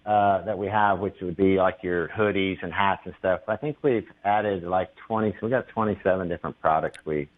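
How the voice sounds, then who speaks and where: Man, caller, lowish voice, tinny phone line, halting, lots of "uh" fillers. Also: fairly even intonation. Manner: hesitant, many "uh" fillers. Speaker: caller, local business owner. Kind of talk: casual call-in chat. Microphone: telephone.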